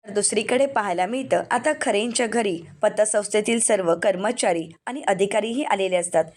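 A woman narrating a television serial recap in a steady, scripted storytelling manner. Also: mid-range voice, normal speed.

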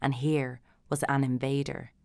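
A woman reading a literary novel aloud as an audiobook narrator, in a measured, dry manner with light character voices. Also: a bass voice, level tone, gravelly, darkish tone, dry recording.

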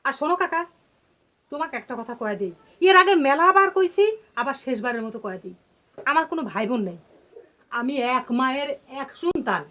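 An actress playing a sharp-tongued young village woman who runs a tea shop, scolding customers bluntly in rural dialect, in a TV drama. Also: high-pitched, animated, fairly quick. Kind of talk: TV drama acting.

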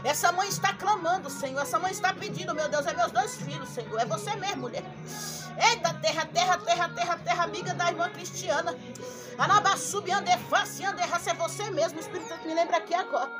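A woman's voice: very high voice, quick pace, crowd noise. A woman missionary leading a fervent prophetic prayer, breaking into tongues and calling listeners by name. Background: worship music.

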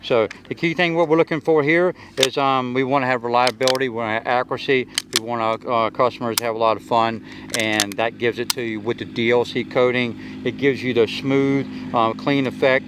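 A man's voice: medium pitch, fairly even intonation, a little fast, few pauses, noisy background. A middle-aged man casually explaining a pistol at an outdoor shooting range. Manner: easygoing, explanatory. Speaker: firearms company representative.

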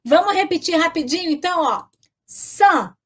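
A woman teacher giving an online lesson, cheerful and checking in with her class often, drawing out each number slowly so the students can repeat it. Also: very high voice, expressive, fairly bright tone. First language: Portuguese. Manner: slow, drawn-out modeling of numbers. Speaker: French teacher.

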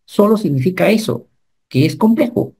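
A man, giving an animated online safety lecture and often checking whether the class follows. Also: high-pitched, moderate pace, vocal fry, husky. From Peru. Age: 50s. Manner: animated teacher, asks the class checking questions. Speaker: occupational safety instructor.

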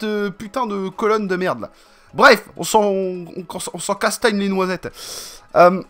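A man's voice: high-pitched, sharp tone. A man from France chatting casually to camera in a vlog, rambling and slangy, with many fillers. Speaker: vlogger.

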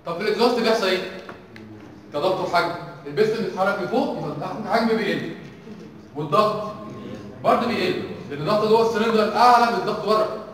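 A young Egyptian man speaks rapid-fire in a high, fairly bright voice, pausing often as he teaches a university engineering section and keeps quizzing the class. The distant room mic in the large lecture hall makes the sound echoey and remote.

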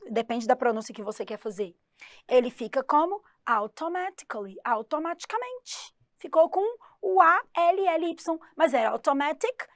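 A woman teaching an English lesson for exam prep, chatty and explaining slowly, spelling out words letter by letter. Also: high-pitched, no room sound, studio quality.

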